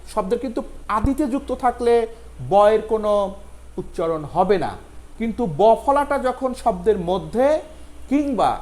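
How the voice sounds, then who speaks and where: High-voiced man teaching pronunciation. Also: darkish tone. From Bangladesh. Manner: slow, emphatic spelling-out of words. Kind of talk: spoken pronunciation lesson.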